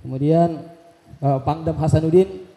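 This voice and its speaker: A man leading an Islamic boarding school gives a ceremonial welcome speech in a mosque, fervently leading takbir chants and retelling conversations with animated energy. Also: fairly high pitch, normal speed. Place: large mosque hall. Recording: echoey PA sound in a big hall.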